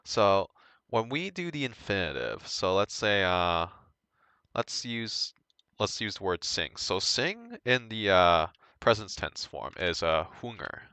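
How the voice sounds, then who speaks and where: A young man giving an informal language lesson, thinking aloud in a halting way and correcting himself as he goes. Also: lowish voice, big pitch swings, pushed and bright, clean tone, no room sound. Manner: hesitant, halting, self-correcting. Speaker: language tutor.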